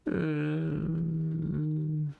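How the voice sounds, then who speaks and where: Slow, gravelly man tutoring. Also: a little high, completely flat delivery, narrow, tinny audio. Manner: slow, thinking aloud, reading words one by one. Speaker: exam tutor. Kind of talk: working through exercises aloud.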